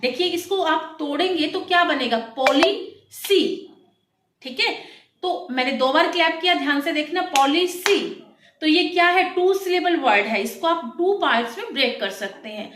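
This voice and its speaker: A woman's voice: sits high, fairly quick, background noise. A woman from India teaching an English phonics lesson for children, explaining patiently and switching between Hindi and English. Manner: mixes Hindi with English, addresses viewers as children. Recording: echoey room.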